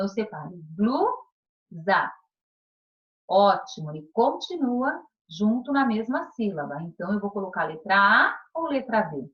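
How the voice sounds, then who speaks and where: A woman's voice: fairly high pitch, highs cut off. A woman with a Brazilian Portuguese accent giving a recorded lesson to primary school pupils. She asks patient questions and checks often that the class is following.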